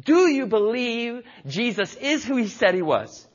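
Male pastor, forties, sermon, high voice, lively swooping delivery, church stage. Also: measured pace, highs cut off. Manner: emphatic, folksy, joking asides.

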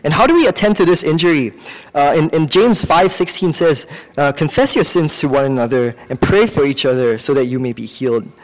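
A Singaporean man with a Singaporean accent preaches in a conversational, halting manner, working in personal anecdotes and correcting himself along the way. His voice is a little high and expressive. A long hall reverb surrounds the recording.

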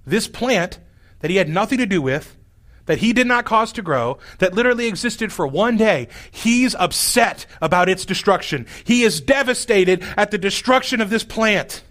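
A man's voice: sits high, expressive, normal speed, a bit bright. A man preaching a sermon, telling a scripture story in a wry, exasperated way. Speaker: pastor.

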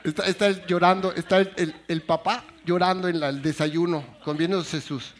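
A man's voice: sits high, steady tone, moderate pace, noisy background. A man doing a stand-up comedy routine on stage, telling stories animatedly and acting out the characters' lines. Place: stage before a laughing audience.

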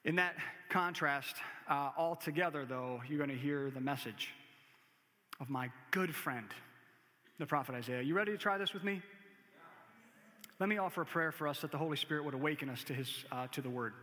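A man's voice: on the high side, bright, forceful tone. A male campus pastor praying and reading scripture dramatically in a sermon. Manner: slow, dramatic, prayerful reading. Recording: long reverb in a hall.

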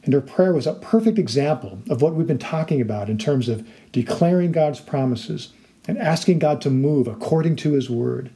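Man, warm and mellow, earnest devotional podcast host. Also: medium pitch, lively intonation, moderate pace.

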